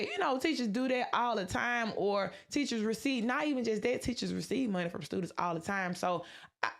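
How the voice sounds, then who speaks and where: A woman hosting her own podcast, telling a personal faith story in a casual, conversational way with many asides and quoted dialogue. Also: medium pitch. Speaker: podcast host.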